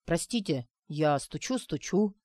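A woman's voice: deep voice, animated, measured pace, darkish tone, no room sound, studio quality. A woman voicing an earnest, flustered man. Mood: eager. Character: flustered well-groomed man, earnest suitor.

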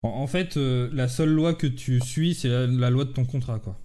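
A man's voice: mid-range voice, normal speed, dark tone. Hesitant man running a tabletop game. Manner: hesitant, repeats words while thinking. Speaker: game master. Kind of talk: casual tabletop role-play session talk.

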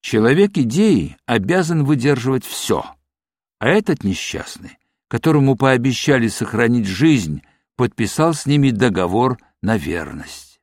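Expressive male audiobook narrator. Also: mid-range voice, measured pace, no room sound, clean studio sound. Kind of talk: scripted novel narration.

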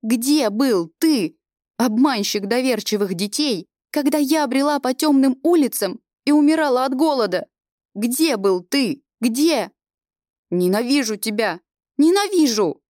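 A woman voicing a proud, furious orphaned teenage girl who speaks high and loud, close to tears, in a storybook reading. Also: normal speed, no room sound, lightly acted. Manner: shouting, high and tearful.

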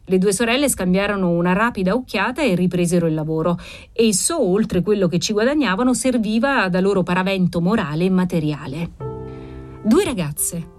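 A woman narrating an audiobook of a classic novel in a measured, expressive way. Her voice sits at a plain middle pitch. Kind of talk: audiobook reading.

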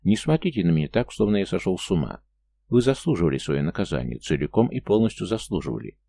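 Audiobook: man reading bitter, accusing young man, low gravelly tone. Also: sing-song, quick pace, dark tone, heavily acted. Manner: harsh, cold, accusing. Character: angry grieving young man, loyal friend.

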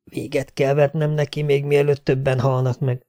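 A man's voice: fairly high pitch, voice pushed up, lightly acted. Man reading as a blunt young hedge knight. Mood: dazed.

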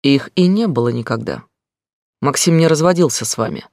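A man playing a calm, cold male fixer with a mocking edge, speaking in a measured way. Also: medium pitch, no echo, clean studio sound, natural voice.

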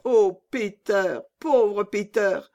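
A woman voicing a gentle, anxious little girl in a children's storybook reading, timid and pleading. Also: high-pitched, lively intonation, normal speed, dull audio, voice pushed up. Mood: sorrowful.

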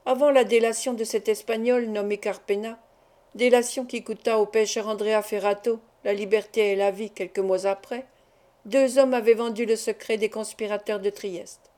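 A woman voicing a grave older male doctor who speaks in a measured, solemn way in an audiobook. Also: fairly high pitch, dark tone, lightly acted.

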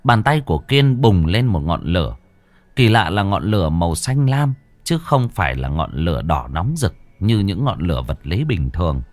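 A low-voiced man tells a ghost story with a lot of rise and fall in his voice. The sound is dry and close, with faint music underneath. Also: normal speed, dry recording. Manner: lively, dramatic storytelling. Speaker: narrator. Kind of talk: scripted horror story narration.

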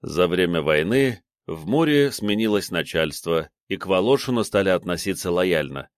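Male audiobook narrator, lowish voice with lively intonation, dry close sound. Brief: expressive reader. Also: moderate pace, no echo. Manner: expressive, vivid reading. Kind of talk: scripted narration.

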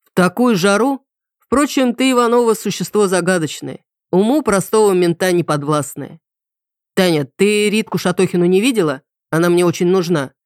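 A woman's voice: fairly low pitch, moderate pace, a little mellow, clear, resonant tone, no echo, studio quality, lightly acted. A woman voicing a wry, weary police detective. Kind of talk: audiobook character voice.

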